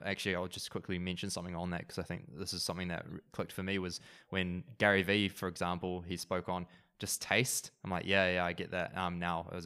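A man's voice: sits low, fairly bright tone, clean tone, dry recording, studio quality. A man with a New Zealand accent hosting a podcast in an informal, conversational way. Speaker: podcast host. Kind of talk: casual podcast introduction and interviewing.

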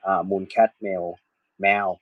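A man's voice: deep voice, steady tone, drawn-out words, no room sound, narrow, tinny audio. A man moderating an event, making announcements in a hesitant way with many fillers and polite particles.

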